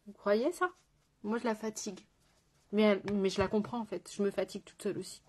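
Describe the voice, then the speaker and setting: A woman's voice: mid-range voice, fairly even intonation, a little fast, darkish tone. French makeup lady chatting on a live, greets everyone, pokes fun at herself. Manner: chatty, greets viewers, self-mocking asides. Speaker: makeup artist livestreaming a tutorial. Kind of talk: casual live makeup chat.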